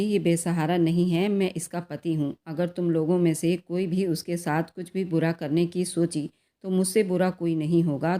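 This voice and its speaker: Woman voicing a stern calm husband, unhurried speech, low mellow tone, storybook. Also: close to an everyday voice. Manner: calm and unhurried even when threatening. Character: calm, stern middle-aged husband and father.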